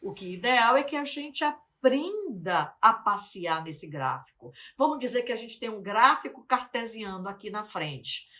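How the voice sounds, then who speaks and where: A woman, a life mentor teaching to camera, speaking slowly and articulating carefully, often asking the viewer questions. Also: medium pitch, fairly bright tone. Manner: deliberate, slowed, carefully articulated delivery.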